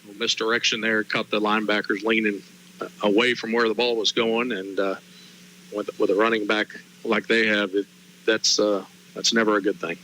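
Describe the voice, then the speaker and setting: A man's voice: on the low side, flat delivery, normal speed, bright, forceful tone, a little hiss or hum, low-quality recording. A man giving conversational football analysis as color commentator on a live broadcast.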